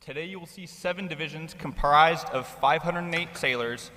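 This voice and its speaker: Man, officer, formal scripted ceremony narration, crisp bright tone, long hall reverb. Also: on the high side, moderate pace. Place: large indoor drill hall. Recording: reverberant hall public address.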